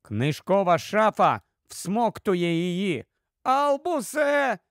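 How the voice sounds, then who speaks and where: High-voiced man telling a story. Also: expressive, a little slow, dry recording, studio quality. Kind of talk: dramatic story narration.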